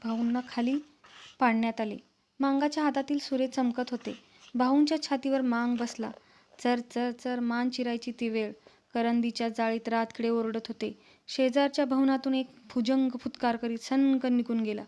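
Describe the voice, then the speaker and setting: A woman narrating a classic book in a steady, expressive storytelling manner. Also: fairly high pitch, normal speed. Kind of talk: literary book reading. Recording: slightly dull, lo-fi recording.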